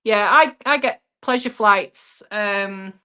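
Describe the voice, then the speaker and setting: A woman's voice: medium pitch, slow, bright, forceful tone, clean tone. Brief: woman, northern English Lancashire accent, live-stream host, reads viewer comments, casual and upbeat. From northwest England.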